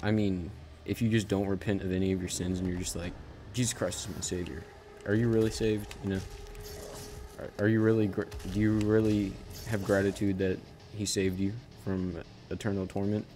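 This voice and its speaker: A man with a very low, dark voice gives loose commentary over a game. He speaks in a flat, even line. He rambles and keeps restarting his sentences. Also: a little hiss or hum. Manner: rambling, halting, self-correcting. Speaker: gaming channel host. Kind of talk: casual gameplay commentary.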